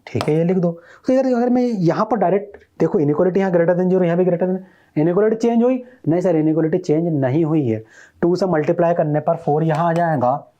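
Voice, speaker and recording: A man's voice: fairly high pitch, mellow, highs cut off. A male math teacher giving a recorded online lesson, explaining step by step and quizzing his students as he goes.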